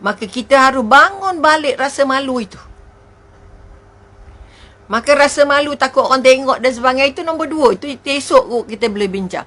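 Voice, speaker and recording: A woman's voice: sits high, animated, brisk, fairly bright tone. A woman with a Malaysian Malay accent giving an emotive religious talk, full of rhetorical questions and exclamations. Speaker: religious speaker.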